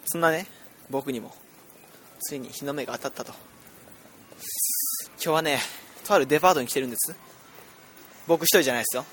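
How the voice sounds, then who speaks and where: A man's voice: fairly high pitch, brisk, long pauses, a bit bright, slight background noise. A young man from Fukui, Japan, hosting a casual radio chat while walking through a department store, self-deprecating and laughing often. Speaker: radio show host. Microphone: earphone mic held between two people.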